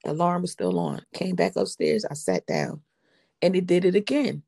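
A middle-aged woman earnestly recounting a personal faith testimony, slow and heartfelt, quoting her own prayers. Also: on the low side, huge pitch swings, vocal fry, mellow, breathy edge, no room sound, clean studio sound. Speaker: widow giving a testimony.

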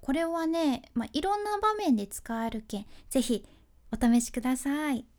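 This freelance announcer and podcast host has a high-pitched, darkish voice at normal speed as she hosts a casual solo talk on speaking tips. She speaks Hakata-ben, the Kyushu dialect, chatting, laughing often, and mixing polite speech with dialect.

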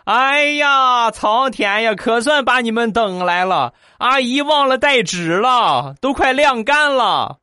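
A man voicing an excited older neighbor woman, shouting loudly from a toilet stall in a comic joke. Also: very high-pitched, takes it slowly, hardly any pauses, dry recording, pitched above the performer's own voice, exaggerated voice. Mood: desperate relief. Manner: loud shouting.

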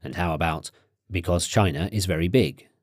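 A man narrating a language course, asking prompting questions and explaining grammar in a clear, instructive way. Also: low-pitched, moderate pace, dry recording, clean studio sound.

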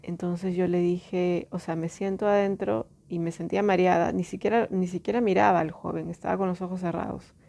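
A woman telling a personal story in a reflective, halting way, often restarting her sentences. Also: on the low side, flat delivery, gravelly, warm tone.

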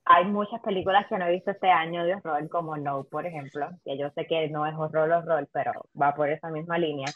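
A woman with a deep, steady voice talks briskly with few pauses, chatting casually as a panelist reviewing a film. She speaks Spanglish, mixing English words into her Spanish. The recording is thin and phone-like, with a roomy sound.

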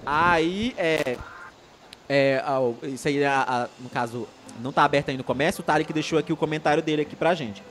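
A slight hiss or hum sits under the brisk, a-little-high, somewhat bright voice of a young man from Maranhão, Brazil, hosting a live online show. In Brazilian Portuguese with a Maranhão accent, he chats casually and upbeat, reads viewers' comments, and rambles with plenty of sentence restarts.

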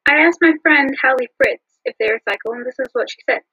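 A woman co-hosting a podcast in a casual, scripted chat with frequent ums, recorded over a low-quality phone line. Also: quick pace, pushed and bright, no echo. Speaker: podcast co-host. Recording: muffled dry phone-line audio.

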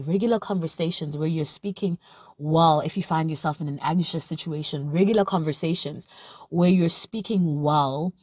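A woman hosts a solo wellness podcast, earnest and reflective, stretching words out for emphasis. Having just woken up, her voice is deeper than usual, a little mellow and slightly rough, recorded cleanly in a studio with no echo.

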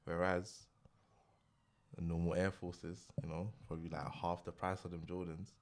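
A young London man with a low voice and roadman accent talks as a podcast guest. He is laid-back and slangy, often tagging his points with a check that he is understood. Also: little pitch movement, moderate pace. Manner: laid-back, often adds "you know what I mean".

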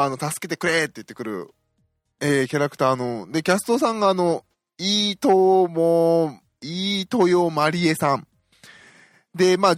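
Lively, chatty man reviewing a film. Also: on the high side, no room sound, studio quality. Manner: chatty, hesitant with frequent fillers, self-deprecating fan humor. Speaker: podcast host. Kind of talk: casual film review monologue.

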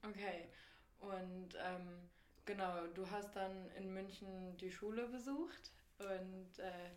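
A woman hosts a casual chat podcast, putting relaxed follow-up questions to her guest. Her voice sits at an ordinary middle pitch. The recording has a noticeable roomy echo from a home living room. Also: slow. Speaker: podcast host.

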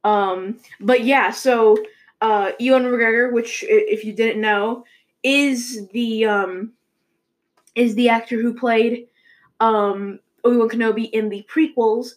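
A young woman hosting a casual movie news chat, rambling with many fillers and restarts. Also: on the high side. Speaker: show host.

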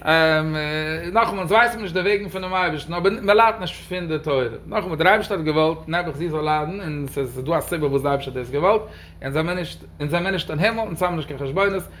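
A man's voice: fairly high pitch, fast talker, a bit bright. A man giving a religious question-and-answer talk, speaking emphatically with sudden raised stresses.

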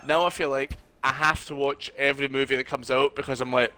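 A man's voice: medium pitch, little pitch movement, fairly quick, bright, forceful tone. A man in casual chat over a board game, laying out his opinion step by step. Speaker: podcast co-host.

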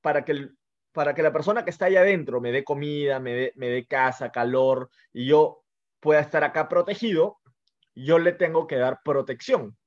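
A man's voice: on the high side, moderate pace, close to an everyday voice. A man voicing a content but timid house dog in a spoken fable, on a muffled recording. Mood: easygoing. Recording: muffled lo-fi sound.

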